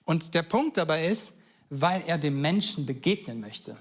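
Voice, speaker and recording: A man's voice: fairly high pitch, expressive, unhurried, breathy edge. A man preaching a casual sermon, telling stories with enthusiasm and acting out quotes in everyday speech.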